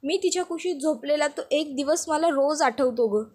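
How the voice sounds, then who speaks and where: A woman's voice: high voice, moderate pace, darkish tone, close to an everyday voice. A woman voicing an earnest, pleading young daughter-in-law in a retold serial. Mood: sad. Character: tearful young daughter-in-law searching for her mother.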